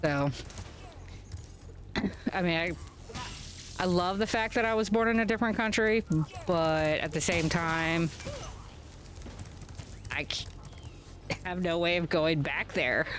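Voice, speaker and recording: Streaming a game from her home in the US, a woman talks casually over a webcam setup with slight background noise. Her low-leaning, fairly bright voice has fairly even intonation, and her unhurried rambling comes with frequent fillers and chuckles.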